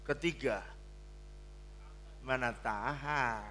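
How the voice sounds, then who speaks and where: An older man preaching a sermon as pastor, blunt and joking, swinging from hushed pleading to loud exclamations. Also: medium pitch, very slow, slight background noise. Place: church hall.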